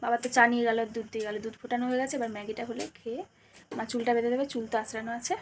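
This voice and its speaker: A woman's voice: on the high side, little pitch movement, very fast. Chatty young woman with a scratchy throat. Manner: chatty, rambling and self-correcting. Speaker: vlogger. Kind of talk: casual home vlog narration.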